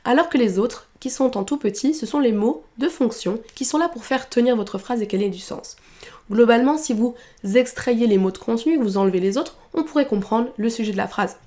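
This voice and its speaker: French woman, native speaker, pronunciation teacher; fairly high voice, clear explainer who models phrases slowly. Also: mellow. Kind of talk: French-language pronunciation lesson.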